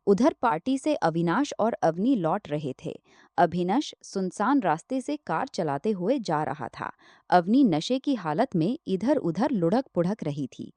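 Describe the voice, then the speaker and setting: A woman narrates a romance novel with a low, mellow voice and lively rises and falls in pitch. She reads every part herself, tagging each speaker by name, and the recording is dry and close. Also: measured pace, no echo. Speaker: storyteller.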